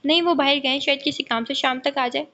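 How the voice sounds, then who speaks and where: A woman voicing a kind young bride who speaks gently and with care. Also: high voice, steady tone, fairly quick, lo-fi sound. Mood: gentle. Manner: gentle, caring.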